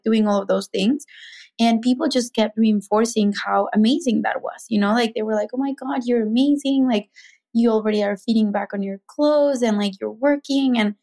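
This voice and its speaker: With a mid-range, slightly mellow voice, this Mexico City woman speaks in a Mexican accent as a guest on a casual podcast. She's a business founder, and her chatty talk is packed with "like" and "you know."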